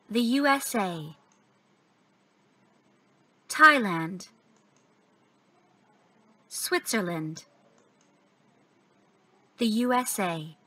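A woman reading words slowly and carefully for a textbook listening track. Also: medium pitch, sharp tone, no echo, distant mic. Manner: slow, careful, exaggerated pronunciation. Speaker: course audio voice. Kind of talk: scripted textbook audio.

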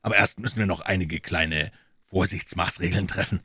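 A deep-voiced captor in a crime audiobook, as the reader plays him, speaking softly and courteously with cool menace. The voice stays low and even, recorded dry and close. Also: male voice, moderate pace, husky, no echo, heavily acted. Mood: calm menace. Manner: quiet, courteous, coolly threatening. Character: calm polite menacing male captor.

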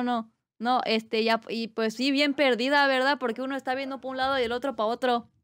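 A woman's voice: a little high, fairly bright tone, smooth. A Mexican woman streaming live, chatting casually and reading chat aloud with playful teasing and bursts of squealing laughter.

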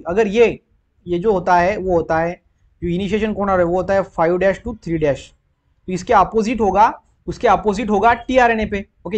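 A man's voice: sits high, dull audio. An Indian man teaching biology, working through exam questions and mixing Hindi with English, asking the listeners questions and answering them himself.

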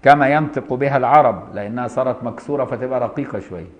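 Egyptian male teacher, mid-pitched, lectures on a classical text, dull lo-fi recording. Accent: Egyptian Arabic. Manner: reads classical text, then explains in colloquial dialect, voicing pronunciations slowly. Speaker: Islamic jurisprudence teacher. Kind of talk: lecture reading and explaining a text.

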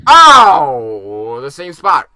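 A man recording let's-play commentary from inside a closet at night, excitable and frustrated, talking to his viewers. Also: fairly high pitch, very slow, faint music behind. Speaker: gamer.

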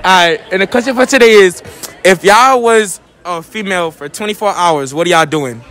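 A teenage boy interviewing classmates in a loud school cafeteria, laughing often and repeating his question into a phone. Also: high-pitched, moderate pace. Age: teens. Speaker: street-style interviewer. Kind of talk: casual hype interviewing. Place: school cafeteria and auditorium, indoors. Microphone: phone held out to guests. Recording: loud chatter and hip hop music behind.

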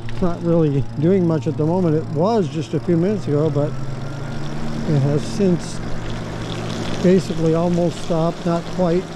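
A man's voice: fairly high pitch, fairly even intonation, measured pace. A man, casually narrating while riding an ebike outdoors in the rain, talking in an easygoing, rambling way with fillers. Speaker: ebike vlogger. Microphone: helmet or body-mounted action camera. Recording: noisy outdoor ride with road and traffic. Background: road and traffic noise.

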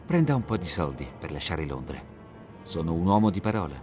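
An actor dubbing Sherlock Holmes in a game, a sharp detective who probes in a cool, ironic way. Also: male voice, deep voice, very animated, fairly quick, over music. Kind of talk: Italian game dub.

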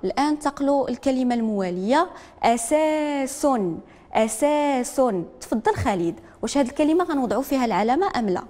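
A woman with a Moroccan accent teaching a literacy lesson, repeating each word slowly and calling on learners one by one. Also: high-pitched, lively intonation, darkish tone, big-room sound. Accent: Moroccan Arabic. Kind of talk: broadcast classroom lesson.

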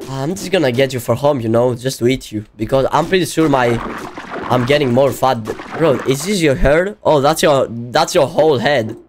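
A young man giving casual, excitable let's-play commentary, often yelling at the game. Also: medium pitch, moderate pace, noisy background. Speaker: gaming video creator.

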